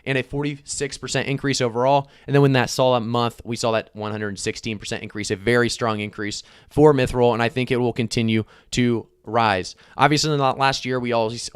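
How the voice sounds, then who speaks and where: A man's voice: mid-range voice, clean tone, dry recording, clean studio sound. A man hosting a casual live stream, chatting with many fillers while reading figures off the screen. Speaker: crypto live stream host.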